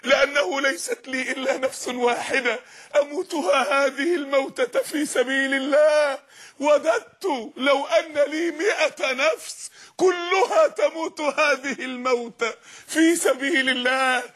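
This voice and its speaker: A preacher voicing a tearful, steadfast captive. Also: male voice, sits high, normal speed, bright, forceful tone.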